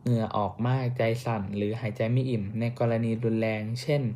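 A young Thai man reading a class report on a medical topic, careful and steady, with small slips and restarts. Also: fairly low pitch, fairly quick, slight background noise. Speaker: student presenter.

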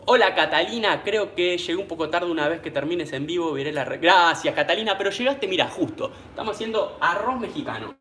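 A chatty man with a Rioplatense Spanish accent hosts a live cooking stream, his slightly high voice chatting along as he works. He sounds like he is in a small, echoey home kitchen with a faint hum of noise behind him. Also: brisk, hardly any pauses, pushed and bright. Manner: chatty, greets viewers by name, speaks as he cooks. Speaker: cooking channel host.

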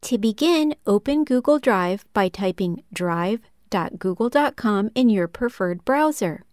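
A woman in her thirties walks through a computer tutorial in a calm, measured way, one step at a time. She sits close to the mic in a small room. The recording is dry. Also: medium pitch, dry recording. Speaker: tutorial host. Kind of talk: scripted software tutorial.

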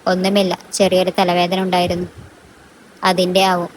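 A woman voicing a meek young woman pleading with her lover, in a low, level tone. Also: completely flat delivery, normal speed, slight background noise, natural voice, rough recording. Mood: subdued. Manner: soft pleading.

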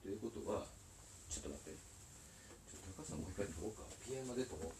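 Speaking in Osaka dialect, a male musician rambles on a live stream from his recording studio, frequently laughing and apologizing in a casual chat. His voice is fairly low, expressive, and quick, with background noise audible.

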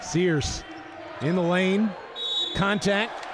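A man giving fast live basketball commentary as play-by-play announcer, with clipped, urgent calls. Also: high-pitched. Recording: noisy arena with crowd behind. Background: crowd and bouncing basketball in arena.

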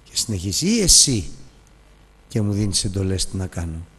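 A man teaching a Bible lesson as a sermon, telling stories with lively, emotional acted dialogue. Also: low voice, long reverb tail, slight background noise. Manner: emotional storytelling, acts out dialogue.

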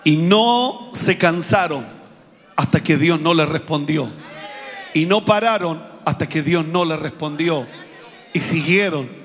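Pastor guy preaching hard, sharp voice, long reverb in the church. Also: fairly high pitch, takes it slowly, slight background noise. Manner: fervent, repetitive preaching that swells into shouts. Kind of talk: sermon.

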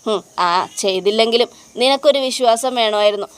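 Wise old grandfather, voiced by a woman, patient admonishing, smooth clear tone. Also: on the high side, a little fast, close to an everyday voice.

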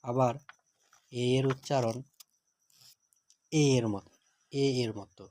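A man teaching a grammar lesson, reading out words one at a time with their meanings in a measured, dictating way. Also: medium pitch, a little mellow, slight background noise. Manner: measured, word-by-word dictation with translations.

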